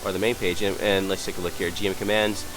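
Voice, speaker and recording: A hungover, sick man giving an unscripted software tutorial, hesitant and apologetic as he searches around. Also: deep voice, little pitch movement, fast talker, rough recording. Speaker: tutorial presenter.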